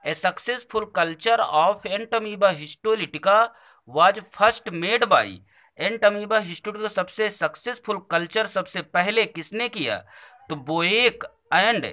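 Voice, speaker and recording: A man's voice: high-pitched, pushed and bright. A man with an Indian accent giving a biology exam revision lecture. He reads each question in English, then restates and answers it in Hindi. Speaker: biology teacher.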